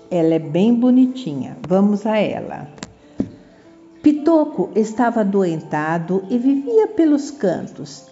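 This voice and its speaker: An older Brazilian woman reads a story for small children in a gentle, instructive way. Her voice is very mellow and her delivery slow and measured. The room echoes around her. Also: medium pitch, highs cut off. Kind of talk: scripted children's story narration. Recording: echoey room, soft music behind.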